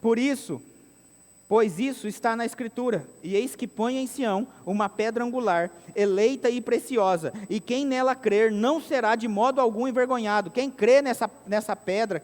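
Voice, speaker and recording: A man's voice: very high-pitched, moderate pace. A man with a Brazilian Portuguese accent preaching a sermon, often asking the congregation whether they follow. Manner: preaching with call-and-response questions to the congregation. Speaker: pastor. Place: church hall. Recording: long church hall reverb.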